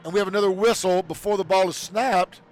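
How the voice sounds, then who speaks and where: Guy doing play-by-play, pretty high voice, yells on touchdowns. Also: fast talker, faint music behind. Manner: excitable, shouts on big plays. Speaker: play-by-play announcer. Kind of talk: high school football commentary.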